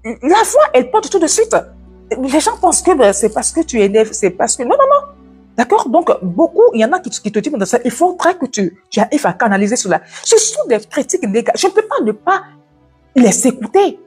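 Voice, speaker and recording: A woman with an African French accent giving a fast, loud, energetic devotional talk and swallowing some of her words. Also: sits high, husky, faint music behind.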